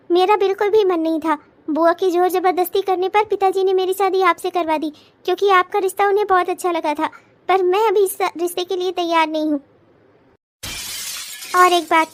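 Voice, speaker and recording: A woman voicing a headstrong young bride in a cartoon, speaking bluntly and defiantly. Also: extremely high pitch. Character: headstrong young bride refusing her new marriage. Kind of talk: cartoon voice acting.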